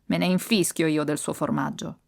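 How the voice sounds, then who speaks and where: A woman's voice: low voice, steady tone, normal speed, creaky. A woman voicing a frightened young boy trapped in a tomb, talking in a panicky, pleading way. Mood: scared.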